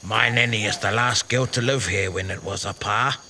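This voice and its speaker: A man playing a solemn, slow-spoken caretaker with a gravelly voice in a dramatised audio story. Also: on the low side, pushed and bright, slight background noise. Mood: wistful. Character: male caretaker rooted in his ancestral school land.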